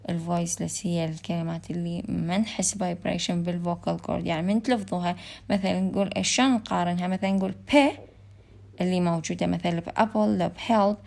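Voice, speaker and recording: A woman's voice: on the low side, creaky, a little mellow. A woman with an Iraqi Arabic accent lecturing on English pronunciation, switching between Arabic and English with frequent hesitations. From Iraq. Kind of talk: recorded online lecture.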